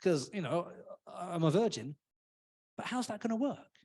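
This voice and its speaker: A man's voice: sits high, lively intonation, unhurried, darkish tone, husky, no room sound, studio quality, heavily acted. A man voicing a puzzled young woman questioning an angel, matter-of-fact.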